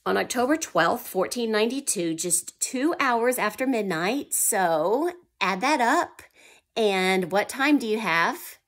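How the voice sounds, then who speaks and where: A woman reads a history lesson aloud to young kids slowly, her medium-pitched, slightly bright voice full of lively intonation. Along the way she asks questions and answers them herself, whispering through suspenseful passages.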